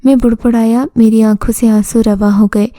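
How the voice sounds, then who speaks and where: A woman narrating a first-person story in a steady, measured reading style. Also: on the high side, no echo.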